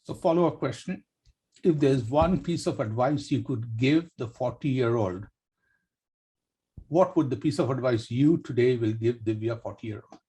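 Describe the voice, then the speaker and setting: Slightly husky male podcast host. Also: medium pitch, a little slow, mellow. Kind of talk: podcast interview.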